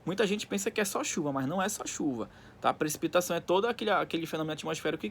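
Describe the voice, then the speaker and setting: A man's voice: on the high side, vocal fry, fairly bright tone, a little hiss or hum. A male teacher giving a recorded school lesson, dictating from a textbook in segments and explaining didactically with frequent check-in tags. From Brazil.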